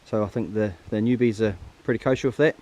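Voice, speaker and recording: Quick and dark-toned, a fairly low male voice with a broad Kiwi accent carries this casual outdoor vlog talk. He hosts a hunting vlog, sounding laid-back and matey and using plenty of slang, while faint outdoor sounds linger behind him.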